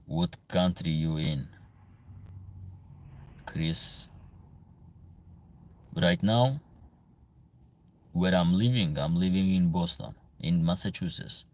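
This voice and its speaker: A man with an Albanian accent and a very low, deep voice hosts a casual livestream. He reads his viewers' comments aloud and answers each one in turn in an easy, conversational way. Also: takes it slowly, long pauses, a little mellow. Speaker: livestream host, veterinarian.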